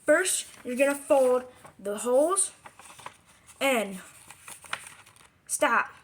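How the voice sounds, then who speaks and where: Speaking extremely slowly in an animated, high-pitched voice, a video creator chats through a DIY craft tutorial, rambling, self-correcting, and repeating points for emphasis. Slight background noise is present.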